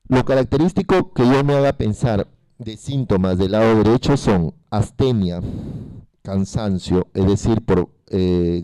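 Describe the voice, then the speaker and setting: Guy lecturing med students, warm dark voice, dry close sound, keeps asking the class stuff. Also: lowish voice, no room sound. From Peru. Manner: asks students questions, repeats key terms. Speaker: medical lecturer.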